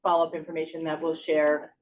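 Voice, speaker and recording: A woman's voice: sits low, little pitch movement, fast talker, lo-fi sound. Woman casually walking through agenda items. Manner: casual, hesitant, many ums and restarts. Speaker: agency staff leading agenda items. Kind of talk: board meeting discussion. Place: meeting room. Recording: distant mic with faint hiss.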